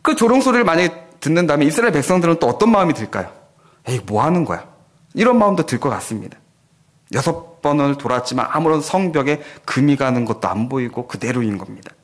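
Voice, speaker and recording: Talking fast in a fairly high voice, this pastor delivers a sermon at a church prayer meeting. His storytelling is lively and vivid, and he performs the quoted voices of each person in the tale.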